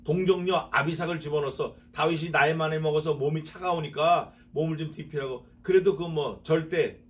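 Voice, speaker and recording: Korean pastor preaching, slightly high voice. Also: male voice, fairly even intonation, far from the mic. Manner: conversational preaching, reads scripture slowly and emphatically; asks the congregation rhetorical questions. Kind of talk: sermon. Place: church sanctuary.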